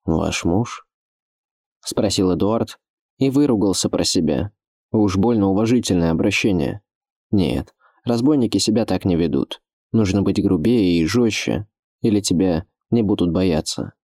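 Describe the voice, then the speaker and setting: A man narrating an audiobook in a measured, expressive literary reading. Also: low voice, dry recording, clean studio sound.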